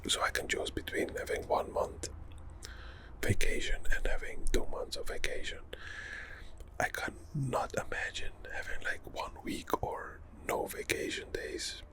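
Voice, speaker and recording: A man's voice: very high voice, wildly swooping pitch, a little slow, pushed and bright. A young man from Europe, whispering a casual, chatty ASMR talk as the host of his channel.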